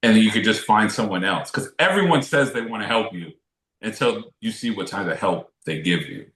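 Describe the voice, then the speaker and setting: A man's voice: lowish voice, animated, fairly quick, a bit bright. A man earnestly explaining his view in a casual podcast chat. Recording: roomy echo.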